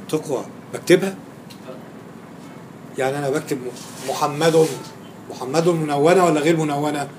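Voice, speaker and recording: A man's voice: fairly high pitch, fairly even intonation, normal speed, pauses often, a crowd in the background. A man with an Egyptian Arabic accent lecturing on grammar in a classroom, quizzing his students and repeating key words for emphasis.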